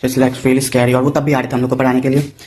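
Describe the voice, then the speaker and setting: A man's voice: medium pitch, flat delivery, quick pace, darkish tone. A young man vlogging to his viewers in casual chat, rambling and self-mocking, joking and slipping English phrases in as he talks. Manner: jokey, playful.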